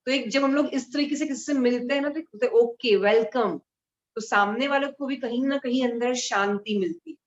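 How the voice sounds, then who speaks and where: A woman with a slightly high voice gives a conversational lesson on mudras to a group. She explains each point with everyday examples. The recording is roomy and a bit dull. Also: fairly quick, hardly any pauses. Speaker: mudra therapy teacher. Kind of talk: live talk to a group.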